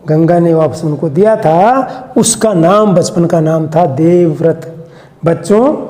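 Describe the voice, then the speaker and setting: A man teaching pupils a lesson, asking questions and sounding out words slowly syllable by syllable. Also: fairly high pitch, mellow, roomy sound, in a large hall. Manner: slow, syllable-by-syllable pronunciation drills; asks questions and repeats the answer. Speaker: school teacher.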